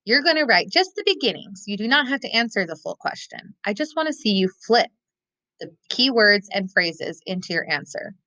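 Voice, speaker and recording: A woman teacher giving a recorded lesson, thinking aloud step by step and slowing down to stress key words. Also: mid-range voice, very animated, pushed and bright, no room sound, poor audio. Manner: models thinking aloud, slows to stress keywords.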